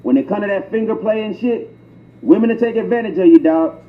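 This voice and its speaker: Public transit ambience surrounds a noisy, muffled, echoey intercom playback of a man with a brisk, high-pitched voice. He's narrating prank tutorials, crude and comedic, in a profane, slangy instructional tone.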